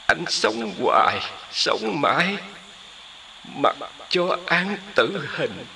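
A man playing an old former prisoner slowly reciting a poem on the radio. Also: fairly high pitch, vocal fry, bright, forceful tone, heavily acted. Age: older. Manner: slow, solemn poetry recitation. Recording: distant, noisy radio-like sound.

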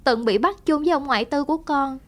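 A woman's voice: sits high, quick pace. A woman playing a polite young granddaughter. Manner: polite, lively.

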